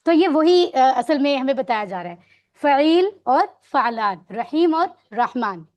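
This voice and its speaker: A woman's voice: high-pitched, big pitch swings, darkish tone. A woman teaching a grammar lesson, patiently quizzing her students on words and mixing English words into her explanations. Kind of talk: online Arabic grammar lesson.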